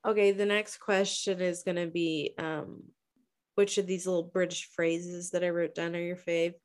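A woman co-hosting a casual book discussion, blunt and swearing freely with quick asides. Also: fairly low pitch, level tone. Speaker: book podcast co-host.

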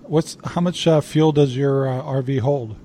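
A man hosting a casual interview, asking questions in halting, stop-start phrases. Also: medium pitch, steady tone, warm tone, a little hiss or hum. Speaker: host.

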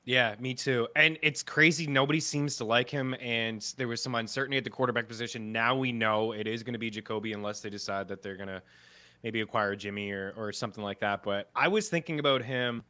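A Canadian man with a bright, forceful voice talks in a relaxed, chatty way as a podcast co-host. He thinks out loud and often restarts his sentences. The sound is dry and close. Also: mid-range voice, brisk, dry recording. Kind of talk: casual chat.

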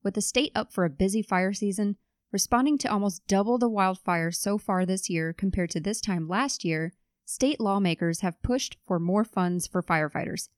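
A woman hosting a podcast, reading a scripted introduction in a clear, measured way and asking interview questions. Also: mid-range voice, no room sound, clean studio sound. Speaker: podcast host and editor.

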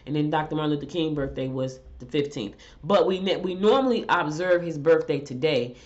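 A middle-aged woman hosts a casual solo talk show while stuffed up with a head cold, chatting loosely and launching into exasperated rants that rise in pitch. The audio is dull and lo-fi.

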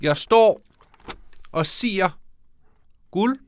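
A man co-hosting a casual comedy podcast, joking playfully and reading listener stories aloud with lively quoted voices. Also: high voice, clean tone, dry recording. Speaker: podcast co-host.

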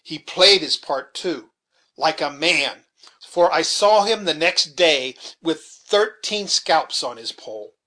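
A man's voice: on the high side, animated, takes it slowly, bright, forceful tone, exaggerated voice. A man voicing a garrulous old frontier hunter who rambles through memories in a folksy rustic dialect, in an audiobook reading. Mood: reminiscing.

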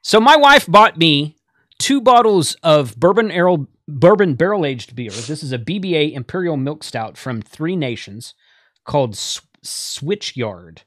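A man's voice: a little high, animated, measured pace, a bit bright, no room sound, clean studio sound. A man hosting a livestream in a casual, conversational style. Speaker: livestream host. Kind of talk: casual chat.

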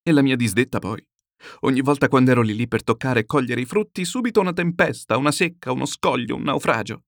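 A man's voice: medium pitch, quick pace, no room sound, studio quality, natural voice. A man voicing a desperate, ruined middle-aged swindler who pleads and laments in a frantic, self-pitying way.

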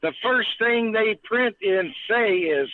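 A male caller on a tinny phone line who rambles on with emphasis and restarts his sentences as he goes. His voice sits a little high for a man, and it sounds dry and narrow. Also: takes it slowly, dry recording. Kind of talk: call-in political rant.

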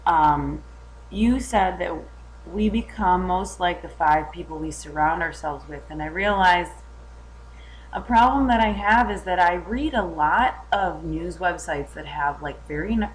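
A woman's voice: lowish voice, measured pace, slight background noise, rough recording. A woman leaving a friendly, slightly hesitant voicemail for a show host, played back as a voicemail message. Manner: friendly, a bit hesitant with fillers. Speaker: listener calling in. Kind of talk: casual spoken voicemail.

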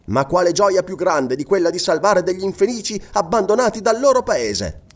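A man's voice: sing-song, normal speed. A man doing an earnest young noblewoman. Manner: raised pitch, earnest pleading. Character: young noble wife, firm and generous.

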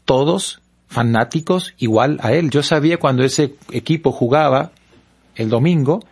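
A man's voice: mid-range voice, normal speed, darkish tone, breathy edge. A man from Paraguay, a pastor, speaking on a talk show, telling anecdotes and asking rhetorical questions. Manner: storytelling, preachy rhetorical questions.

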